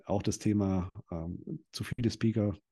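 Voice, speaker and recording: Hesitant man with a mellow low voice. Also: fairly even intonation, measured pace, husky. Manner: hesitant, many fillers and restarts. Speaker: podcast guest, dental practice owner and event organizer. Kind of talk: casual interview chat.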